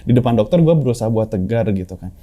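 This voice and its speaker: An earnest young man tells a personal story in a relaxed chat, stumbling and restarting as he quotes others. His voice is very dark and mellow. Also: medium pitch, fast talker. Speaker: guest sharing a personal story. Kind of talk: casual heartfelt chat.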